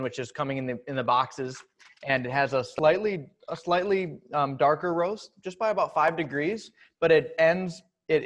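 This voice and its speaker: A man hosting, casually explaining how a chocolate bar was developed and what subscribers get. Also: on the high side. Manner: relaxed, explanatory. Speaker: host. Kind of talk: casual product talk.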